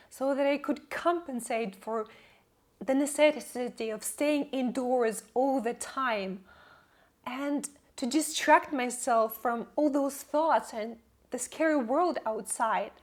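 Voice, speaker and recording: A woman whose first language is not English, telling the story of her English learning in an upbeat, reflective vlog. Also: sits high. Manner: reflective, upbeat, laughs between points. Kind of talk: personal vlog narration.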